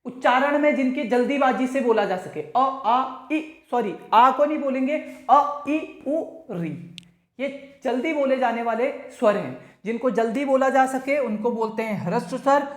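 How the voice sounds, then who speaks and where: A man teaching a grammar lesson to exam students. He repeats key points, quizzes the listener, and draws out the vowel sounds he demonstrates. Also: extremely high pitch. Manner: drawn-out, stretched vowel demonstrations. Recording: echoey room.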